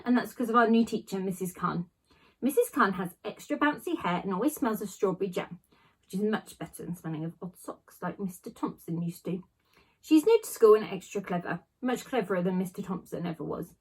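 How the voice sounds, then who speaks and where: Like a class teacher, a woman reads a children's novel aloud, stressing key words and leaving small dramatic pauses as the story unfolds. Her voice is at an ordinary female pitch with a slightly husky, unpolished edge, and the recording is rough.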